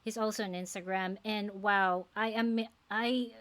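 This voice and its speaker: A Filipino woman in her forties, a faith-based life coach for whom English is a second language, talks earnestly and casually to camera with a Filipino accent and many fillers. Her mid-range voice is steady, a bit bright, and measured in pace.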